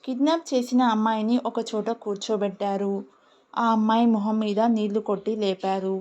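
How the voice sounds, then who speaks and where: A woman narrating an audiobook story in a plain, steady reading voice, on a dull lo-fi recording. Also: medium pitch, moderate pace.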